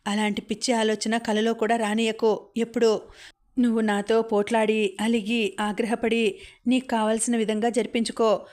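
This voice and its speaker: A woman's voice: moderate pace, natural voice. A woman reading as a tender young man pleading. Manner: soft, steady, low-keyed pleading.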